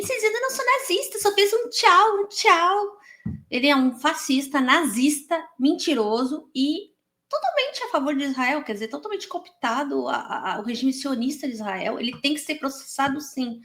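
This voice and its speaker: A woman's voice: high-pitched, sing-song, normal speed, fairly bright tone. A Brazilian woman with a Brazilian Portuguese accent hosting a reaction channel, commenting on a podcast clip in an indignant, heated way with many restarts and fillers.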